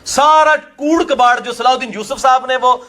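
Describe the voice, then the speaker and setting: A man's voice: very high-pitched, fairly even intonation, sharp tone. A man with a Punjabi accent giving a combative religious lecture, mocking his opponent and putting questions straight to his listener. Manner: combative, mocking, drifts between Urdu and Punjabi. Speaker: religious speaker.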